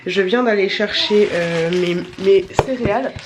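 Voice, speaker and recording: A woman's voice: mid-range voice, unhurried, noisy background. A tired woman vlogger with a stuffy, nasal voice, chatting casually through a shopping haul with many fillers and repeated words.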